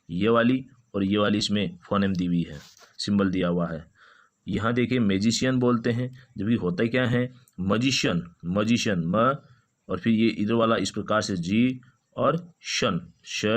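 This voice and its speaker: Male teacher, patient drilling of pronunciation, repeats each word. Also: on the low side. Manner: repeats each word slowly several times. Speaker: English teacher. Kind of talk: phonetics lesson.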